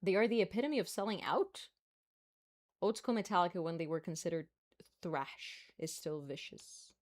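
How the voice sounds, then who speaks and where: On her live stream, a young woman with a Brazilian accent chats casually in a slightly low voice. She is animated and playful, laughs often, tosses in asides, and keeps a moderate pace.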